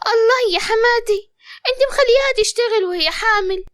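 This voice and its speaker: An actress playing a mocking, spiteful young sister-in-law with an Upper Egyptian accent, speaking sarcastically. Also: female voice, extremely high pitch, fairly quick, fairly bright tone, no echo. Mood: sneering. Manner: sneering, sarcastic.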